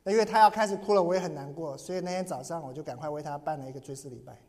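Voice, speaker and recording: A man's voice: a little high, racing, darkish tone. A pastor preaching in earnest, telling a personal story and often repeating and restarting his words. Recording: long hall reverb.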